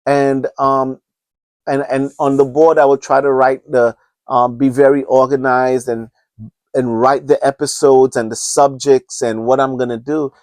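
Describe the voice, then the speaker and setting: Speaking at a measured pace with a level, darkish mid-range voice, this man from Trinidad and Tobago, in his fifties, hosts his own podcast without a script. He rambles earnestly, keeps restarting, and makes urgent, preacher-style appeals; there's no room sound.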